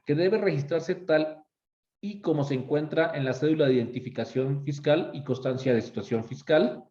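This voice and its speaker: Mexican male instructor, relaxed explanatory delivery, dull roomy recording. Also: on the high side. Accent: Mexican Spanish. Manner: conversational, checks in with frequent "ok?". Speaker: course instructor. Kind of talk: explanatory tutorial lecture. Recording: echoey room, slightly dull lo-fi sound.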